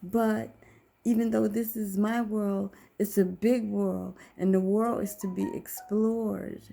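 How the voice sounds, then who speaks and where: A woman's voice: mid-range voice, little pitch movement, slow, creaky, dark tone. A woman in her fifties who hosts her own channel and talks in a casual, rambling, faith-centered monologue to camera. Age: 50s. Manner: talkative, wandering, faith-centered, musing. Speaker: vlogger, channel host.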